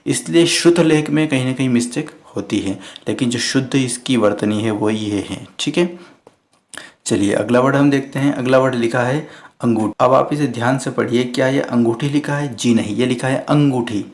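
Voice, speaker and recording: A man teaching Hindi spelling for exam students, who asks and answers his own questions and keeps checking in with a repeated "okay". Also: medium pitch.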